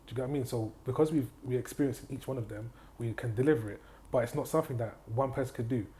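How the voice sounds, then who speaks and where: Fast-talking man giving confident advice. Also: mid-range voice, dark tone. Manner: confident, advisory, repeats key phrases; checks in with "do you get what I mean". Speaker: guest, property investor and trainer. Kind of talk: casual podcast interview.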